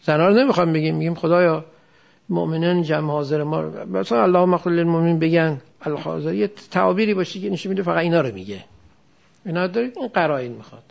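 A man's voice: fairly high pitch, gravelly, muffled recording. A man teaching a class, explaining grammar step by step and quizzing his students with questions. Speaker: religious studies teacher. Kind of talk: classroom lecture on Quranic Arabic grammar.

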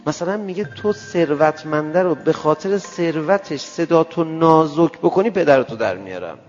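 A male preacher giving an emphatic sermon to a gathering, firing rhetorical questions at the audience and swinging between loud outbursts and soft asides. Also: fairly high pitch, animated. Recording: dull lo-fi sound with long hall reverb and faint music.

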